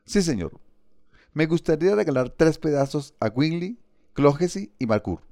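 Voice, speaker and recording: A man reading a storybook, voicing a gentle, polite, pious schoolboy. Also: fairly high pitch, very animated, normal speed, no echo, clean studio sound, pitched above the performer's own voice.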